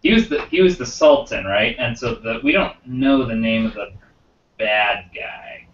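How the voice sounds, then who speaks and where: A man's voice: medium pitch, animated, measured pace, a bit bright. A man playing in a tabletop game, playful and hesitant with his words. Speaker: player. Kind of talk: casual tabletop game banter. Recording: distant roomy lo-fi recording.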